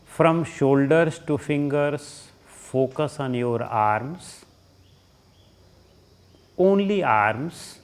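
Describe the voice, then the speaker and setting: A man with an Indian accent and a higher-side voice leads a guided relaxation as a yoga teacher. He gives short instructions separated by long pauses.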